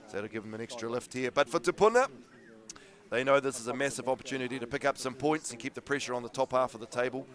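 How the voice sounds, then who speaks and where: Male rugby co-commentator, New Zealand accent, medium pitch, conversational live broadcast style.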